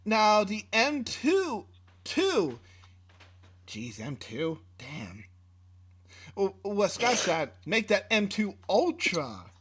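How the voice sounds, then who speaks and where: A man's voice: sits high, huge pitch swings, extremely slow, fairly bright tone, slightly rough. A man co-hosting a casual tech podcast, reading specs with many fillers and restarts in a laid-back way. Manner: laid-back, swears mildly. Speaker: podcast co-host. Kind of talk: casual chat.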